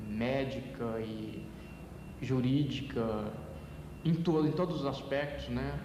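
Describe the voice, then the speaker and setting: A man from Minas Gerais, speaking haltingly in a documentary interview. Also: mid-range voice, background noise. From Minas Gerais, Brazil. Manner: halting, searching for words. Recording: echoey hall with music underneath.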